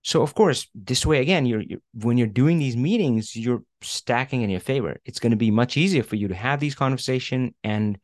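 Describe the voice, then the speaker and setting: A man's voice: medium pitch, normal speed, hardly any pauses, no room sound, studio quality. A man coaching a student on job searching over a video call, casual and full of fillers, often asking "right?". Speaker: career coach. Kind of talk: online coaching session.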